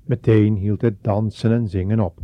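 A man narrating a Bible story slowly and dramatically, lifting his voice for quoted speech. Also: lowish voice, fairly even intonation, no room sound. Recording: dull, lo-fi.

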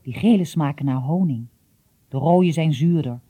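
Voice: medium pitch, moderate pace, warm tone, husky, no echo. A reader voicing Tors, a sly old gardener. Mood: confiding. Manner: confiding, mildly teasing. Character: shrewd old male gardener, sly and secretive. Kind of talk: audiobook reading.

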